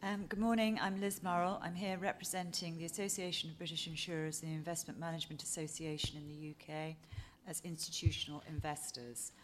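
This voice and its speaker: A woman's voice: low-pitched, little pitch movement, fairly quick, a little hiss or hum. A woman giving a formal, businesslike introduction at a round-table meeting. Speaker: meeting participant.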